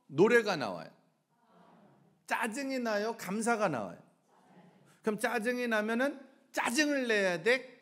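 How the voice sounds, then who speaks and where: A man preaching a lively revival sermon as a guest preacher, quizzing the congregation with call-and-response questions and breaking into shouts. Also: sits high.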